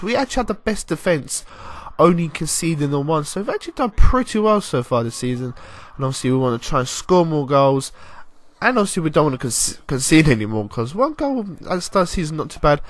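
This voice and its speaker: A young man giving casual, rambling commentary over a football video game, with excitable bursts and mild swearing. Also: a little high. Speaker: gaming YouTuber.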